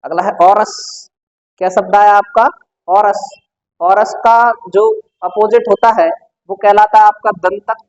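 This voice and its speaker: Male tutor, high-pitched, drilling students with repeated questions; muffled lo-fi recording. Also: fairly even intonation, measured pace. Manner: quizzing the listener with repeated questions. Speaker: teacher. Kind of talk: exam-prep Hindi vocabulary lesson. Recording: dull lo-fi sound.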